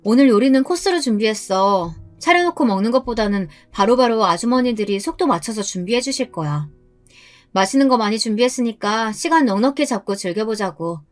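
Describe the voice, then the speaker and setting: A woman's voice: on the high side, expressive, brisk, no echo, soft background music, lightly acted. A woman voicing a composed, self-assured young husband in a storybook narration. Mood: calm assured. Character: calm confident rich young husband.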